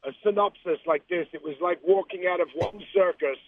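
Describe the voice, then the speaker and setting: A man's voice: high voice, brisk. A man calling in to a radio show as a guest, talking over a phone line and painting vivid hypothetical scenarios to make his point. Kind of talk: casual radio interview. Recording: tinny dry phone line.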